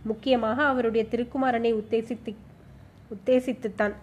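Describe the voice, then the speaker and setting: A woman reading a historical novel aloud in an expressive, dramatic storytelling manner. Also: fairly high pitch, normal speed, slightly rough, muffled recording. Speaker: audiobook narrator.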